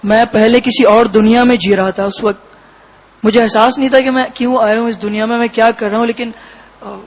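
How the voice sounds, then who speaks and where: As an interview guest, a man with a fairly high voice shares a personal testimony of his own experience. His tone is flat and level, and he pauses often, searching for words between short phrases, on a low-quality recording.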